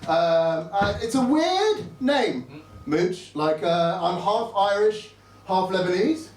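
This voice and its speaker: A man's voice: high voice, sing-song, takes it slowly. A brash young man who grew up in Saudi Arabia, hosting a comedy club night, doing crowd work with lots of swearing and laughing at his own jokes. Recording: roomy club sound from far off, crowd noise. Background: audience laughing and cheering.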